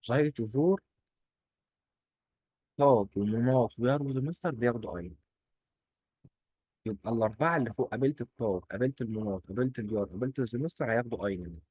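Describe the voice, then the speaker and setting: A man with an Egyptian Arabic accent teaching a German exam-prep lesson, quizzing and answering his own questions in quick drills. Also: medium pitch, darkish tone, slightly rough, no room sound. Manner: coaxing, repeats rules in quick drills.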